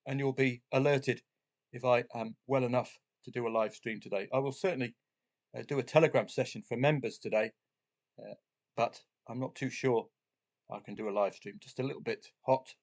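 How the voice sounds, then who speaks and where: Sick with the flu and a chesty cough, a betting channel host talks casually to camera about betting in a voice that's deeper and huskier than usual. He keeps a steady tone at normal speed, chatting with jokey asides and frequent "uh" fillers.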